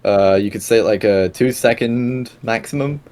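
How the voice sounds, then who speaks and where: A man's voice: on the low side, moderate pace, a little mellow. A young man doing live sim racing commentary in a casual, rambling way, full of fillers and self-corrections. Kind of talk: live esports race commentary.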